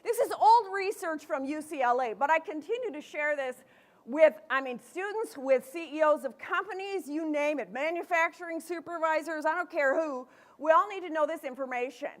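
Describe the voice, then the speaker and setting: A middle-aged American woman with a lively, playful manner, giving a motivational keynote talk to students. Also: high-pitched, normal speed. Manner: lively, playful, acts out quoted voices. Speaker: motivational speaker. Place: large events hall.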